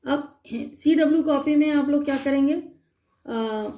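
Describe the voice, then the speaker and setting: Woman teacher talking to little kids, kinda high voice, slow and patient, keeps checking they follow. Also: dark tone. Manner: patient, slow spelling-out of letters and vowel signs, frequent check-ins. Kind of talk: recorded online class for young children.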